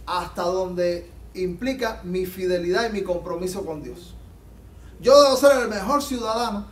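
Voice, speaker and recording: High-pitched guy preaching hard, fervent, echoey church sound. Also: distant mic, slight background noise. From Latin America. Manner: fervent, rising to emphatic peaks and dropping low. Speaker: pastor. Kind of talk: sermon. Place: church sanctuary. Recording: echoey church hall, off-mic.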